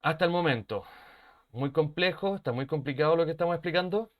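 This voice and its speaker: A man's voice: on the high side, narrow, tinny audio. Male English teacher. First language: Spanish. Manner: explains in Spanish mixed with English, repeats example words slowly. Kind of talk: live online English lesson.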